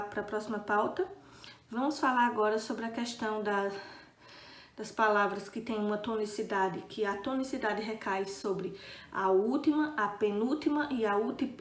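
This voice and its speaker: A woman's voice: a little high, reverberant. A woman teacher giving a recorded video lesson, patient and checking in often with her students.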